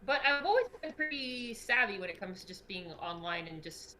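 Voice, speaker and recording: A woman's voice: mid-range voice, very animated, normal speed, bright, forceful tone. A woman hosting a Q&A, chatting casually and reading out comments from the chat. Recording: clear background noise.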